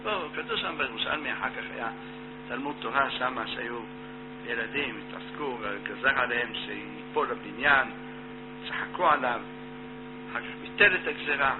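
A man teaching Torah, retelling a Talmud story in a lively, loose way in short phrases. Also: mid-range voice. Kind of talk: telling a Talmud story in a lesson. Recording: tinny phone-like line with mains hum.

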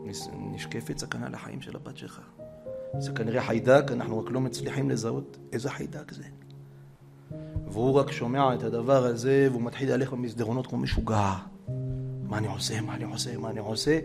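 A man with a gravelly, creaky voice tells a dramatic story. He acts out every quote, sinking to hushed whispers and then rising loud. Clear guitar music plays under his voice. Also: mid-range voice, little pitch movement.

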